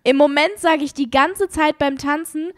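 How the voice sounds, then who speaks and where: A woman's voice: high-pitched, fairly even intonation, normal speed, no echo, clean studio sound. A young woman co-hosting a casual podcast, giggly and self-mocking, laughing often while she chats, a little sick with a sore throat. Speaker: podcast co-host. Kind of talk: casual chat.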